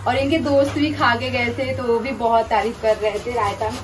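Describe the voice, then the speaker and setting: A woman's voice: a little high, moderate pace, noisy background. A young woman chatting while cooking in a home kitchen vlog. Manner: talkative, lively, cooking while she talks. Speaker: vlogger. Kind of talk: casual kitchen chat.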